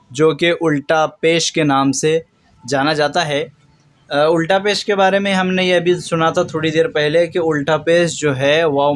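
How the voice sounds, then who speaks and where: Patient man teaching slow recitation. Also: fairly high pitch. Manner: slow drawn-out recitation of words between brisk explanations; patient, repeats and corrects common mistakes. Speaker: Quran reading teacher. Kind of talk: recorded reading lesson.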